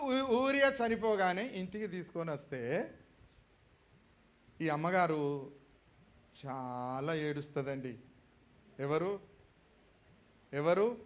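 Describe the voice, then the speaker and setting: A pastor preaching a sermon, telling a story dramatically, acting out its people and putting rhetorical questions to the congregation. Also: male voice, sits high.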